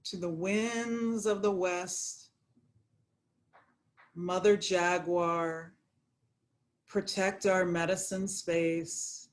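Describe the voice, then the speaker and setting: A woman guiding a yoga nidra meditation, speaking in a slow, soothing, prayerful way. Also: on the low side, steady tone. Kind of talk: guided meditation.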